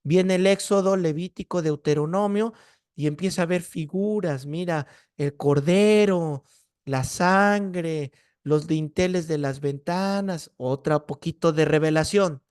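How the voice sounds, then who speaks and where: Male Bible teacher, Mexican Spanish accent, animated classroom lecturer who keeps checking in with his students, raised pitch. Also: measured pace, clear, resonant tone, dry recording, clean studio sound. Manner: lively storyteller, rhetorical "¿no?" tags.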